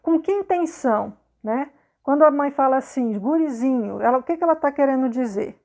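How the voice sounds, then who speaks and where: A woman's voice: high-pitched, animated, brisk, a little mellow. A Brazilian woman teacher walking students through a worksheet in a video lesson, patient and repeating her questions with frequent checks for understanding. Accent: Brazilian Portuguese, not southern.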